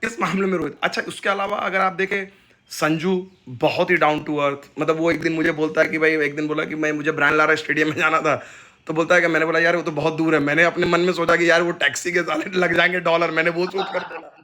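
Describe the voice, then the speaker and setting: A man's voice: a little high, flat delivery, quick pace, bright, forceful tone. A man, a fan reporter telling casual anecdotes in an interview, mixing Hindi and English and acting out what others said.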